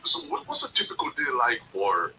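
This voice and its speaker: A man hosting a news podcast, narrating from a script and asking measured, probing questions. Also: medium pitch, wildly swooping pitch, far from the mic, background noise. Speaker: podcast host and interviewer.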